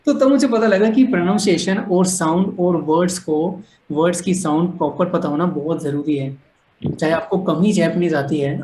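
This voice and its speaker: A man's voice: fairly high pitch, darkish tone, slight background noise. Male teacher for an online class, patient explainer who keeps checking in, slips in English phrases, roomy echo. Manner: mixes English phrases into talk. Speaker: language teacher.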